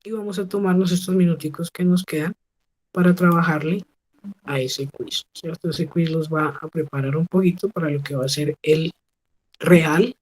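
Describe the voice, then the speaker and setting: A woman teaching an English class over a video call. She models each phrase slowly and keeps checking with her students. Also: low voice, steady tone, a little mellow, slight background noise. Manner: patient, slow model pronunciation with frequent check questions. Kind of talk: online class instruction.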